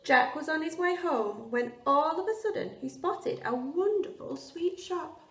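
A woman primary teacher reading a storybook aloud to children with lively emphasis. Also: sits high, unhurried, distant mic. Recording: roomy echo, off-mic.

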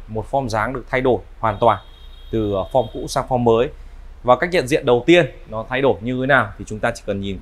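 A man in his thirties with a northern Vietnamese accent gives an unscripted used-car sales walkaround in smooth, polite, repetitive patter. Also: mid-range voice. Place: large indoor car showroom. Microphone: clip-on lapel mic.

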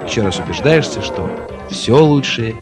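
A man's voice: fairly low pitch, very animated, normal speed. A man reading a scripted video game review in a wry manner. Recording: voice-over under loud game music. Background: loud game music and effects.

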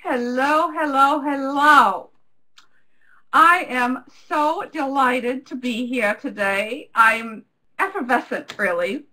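A woman's voice: high-pitched, steady tone, slow pace, few pauses, bright, forceful tone, heavily acted, poor audio. A woman voicing an effusive, theatrical female alter ego with an over-the-top manner.

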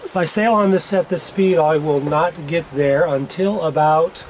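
A man in his fifties vlogging alone from his sailboat at sea, talking in a relaxed, rambling way and often correcting himself. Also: fairly high pitch, unhurried. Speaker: solo sailor vlogging. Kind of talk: casual video diary. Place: outdoors on a sailboat cockpit at sea. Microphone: handheld camera at arm's length. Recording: windy outdoor camera audio with sea noise. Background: wind and water noise.

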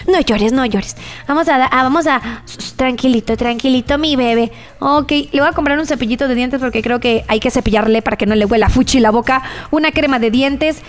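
A woman's voice: high voice, quick pace. A young woman giving bubbly, gushing commentary on a mobile game, using many diminutives and talking straight to her viewers. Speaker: gaming YouTuber.

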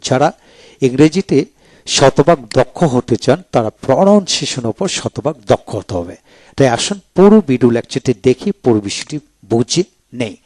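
Bengali man slowly spelling out words. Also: medium pitch, a little mellow, no echo. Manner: slow and deliberate, spells words out letter by letter and repeats them. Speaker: English pronunciation teacher. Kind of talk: spoken lesson.

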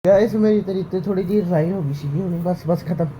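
A man's voice: high-pitched, fast talker, mellow, poor audio. A man hosting a casual vlog, addressing viewers and bickering playfully in a teasing way. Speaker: vlog host. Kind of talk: casual chat to viewers and game banter. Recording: background noise, home ambience.

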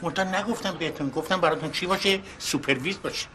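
A man's voice: sits high, bright, forceful tone, a little hiss or hum. An actor playing a man among the visitors who insistently reassures everyone in a comic TV series. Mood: reassuring.

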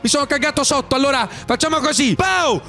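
A man yelling and panicking as he comments on a video game, swinging between frantic cries for help and mock-villainous threats. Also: very high voice, moderate pace, soft background music. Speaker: gaming video creator. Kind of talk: excited gameplay commentary.

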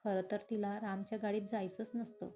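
A woman narrating a romance story with a steady, expressive reading. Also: mid-range voice, fairly quick, soft background music.

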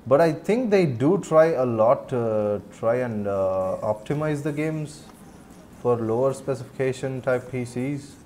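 A man's voice: mid-range voice, animated, measured pace, mellow, a little hiss or hum. Chatty Indian man streaming gameplay. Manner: chatty, laughs often, answers chat. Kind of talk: casual gameplay commentary.

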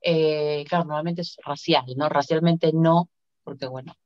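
Speaking from an indoor room on a video call, a middle-aged woman from Latin America is a relaxed interview guest. She has a low voice with fairly even intonation and normal speed, and the device mic gives dull, lo-fi sound.

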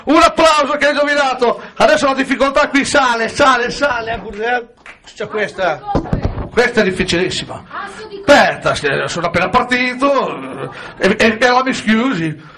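A man's voice: extremely high pitch, animated, moderate pace, pushed and bright. A man doing stand-up comedy on stage, firing punchy jokes at a live audience. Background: audience laughter.

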